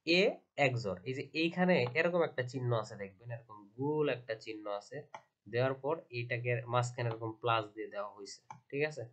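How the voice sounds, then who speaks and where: A man teaching from slides, asking himself questions and repeating each point. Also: medium pitch. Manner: repetitive, asks and answers own questions. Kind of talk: slide lecture.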